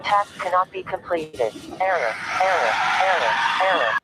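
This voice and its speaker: A man voicing a malfunctioning computer system, a glitching robotic voice that flatly repeats error announcements. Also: sits high, moderate pace, very noisy. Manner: flat, repetitive error announcements. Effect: glitching robotic voice stuck on error.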